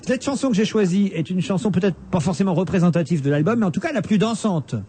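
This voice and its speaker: A man hosting a radio talk show, leading the chat with quick, lively questions. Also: high voice, slight background noise. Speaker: radio host. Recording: radio broadcast studio.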